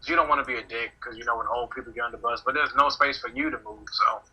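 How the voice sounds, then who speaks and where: A man's voice: mid-range voice, wildly swooping pitch, quick pace, vocal fry, pushed and bright, husky, poor audio. A man chatting on a casual podcast, rambling and talking over the others. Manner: rambling, talks over others while gaming.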